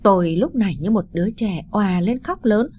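A woman's voice: medium pitch, animated, brisk, a little mellow, slight background noise. A woman narrating a first-person story, raising her voice emotionally when she speaks the dialogue.

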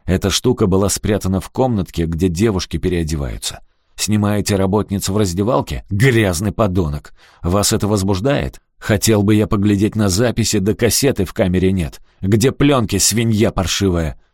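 A man reading an audiobook and voicing a jeering, menacing young male thug who taunts and shouts threats. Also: lowish voice, lively intonation, measured pace, no echo, studio quality. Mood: jeering, threatening.

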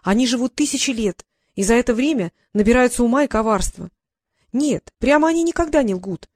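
A woman's voice: on the high side, animated, fairly quick, darkish tone, no echo, clean studio sound, pitched above the performer's own voice. A woman voicing a bossy, worried female magical familiar who scolds her young master. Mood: scolding. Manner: scolding, insistent.

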